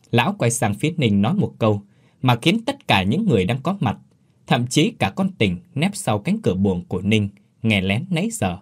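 A man narrating a horror story in a dramatic, expressive storytelling manner. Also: mid-range voice, slightly rough.

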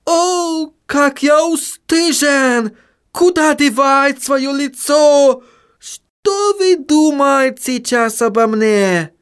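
A man voicing a trembling vampire who sings a slow, quavering hymn in a storybook reading. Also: very high voice, a bit bright, voice pushed up, heavily acted. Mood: ashamed. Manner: quavering, slow sing-song.

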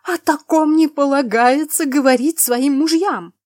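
A woman voicing an angry middle-aged lady's maid who scolds in a loud, shrill voice. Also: unhurried, no room sound, studio quality. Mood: outraged.

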